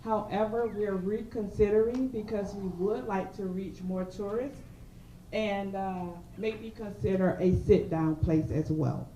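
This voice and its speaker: A woman pitching her business to a panel of judges, speaking in a measured, emphatic way and then answering their questions. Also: steady tone, dark tone, distant mic, slight background noise. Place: event hall. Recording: echoey hall, dull lo-fi sound.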